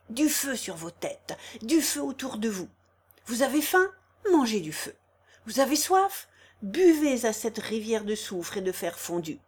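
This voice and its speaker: A woman reading the lines of an old village priest who declaims a hymn about hell like a sermon. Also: mid-range voice. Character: old male village priest, preaching fiercely. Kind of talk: audiobook reading of a quoted hymn.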